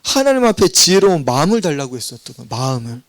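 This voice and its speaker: Lively Korean pastor preaching a sermon. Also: male voice, on the high side, fast, no room sound. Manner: animated storytelling, acting out voices in quotes. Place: church sanctuary.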